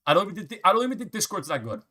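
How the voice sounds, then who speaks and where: A man's voice: high voice, sing-song, very fast, sharp tone. A young man ranting casually to camera, swearing often and restarting his sentences. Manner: profane, rambling rant with many restarts. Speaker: vlogger.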